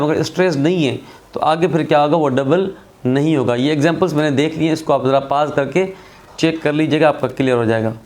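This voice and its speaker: Male tutor, slightly high voice, patient and repetitive, for a recorded spelling lesson. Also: a little mellow. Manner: patient, repeats points, checks in with "theek hai". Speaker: English teacher.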